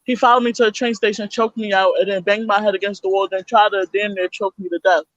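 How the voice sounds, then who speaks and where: A woman's voice: mid-range voice, fairly even intonation, quick pace, fairly bright tone, no room sound, poor audio. A young woman guest telling her own story bluntly and candidly, swearing freely. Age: young adult. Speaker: interview guest.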